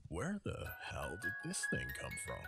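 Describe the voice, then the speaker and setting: A man's voice: extremely low pitch, huge pitch swings, measured pace, vocal fry, loud music behind the voice, full character voice. A man playing a rattled, sarcastic, foul-mouthed cinema ticket clerk in a naturalistic horror game style. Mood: puzzled. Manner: sarcastic, exasperated. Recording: noisy game stream capture.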